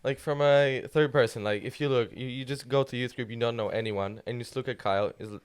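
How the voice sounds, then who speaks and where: A man's voice: mid-range voice, fast, clean tone. A teenage man from Poland with a Polish accent, a guest speaking in casual podcast chat who searches for words with many fillers. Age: teens. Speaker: guest, student youth leader.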